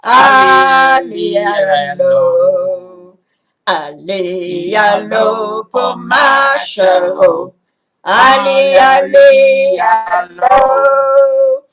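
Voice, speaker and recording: A woman from Belgium. She speaks softly to introduce a folk song, then leads its call-and-response chorus over a video call. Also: a little high, drawn-out words, loud music behind the voice. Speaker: folk singer. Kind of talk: folk song performance at an online sing.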